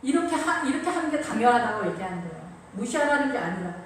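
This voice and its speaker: A woman preacher delivers a lively sermon, repeating phrases and acting out quotes in a fairly high voice at a quick pace. She is recorded from a distance in an echoey church with faint ambience and a little hiss or hum.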